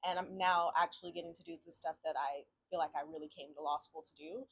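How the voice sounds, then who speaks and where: A woman's voice: deep voice, steady tone, fast talker, husky. A young woman from Houston, a law student answering interview questions candidly, a little weary. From Houston, Texas. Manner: candid, a bit weary, laughing.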